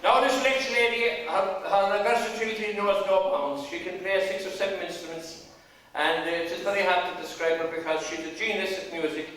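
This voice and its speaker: An Irish man with a high voice hosts a live music show from the stage. He is heard from far off in a big, reverberant hall. His announcing is informal and folksy, rambling along from one remark to the next. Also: steady tone, fairly quick, a bit bright. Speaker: master of ceremonies of a traditional music show. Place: large hall, live in front of an audience. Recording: echoey hall from far off, noisy audience.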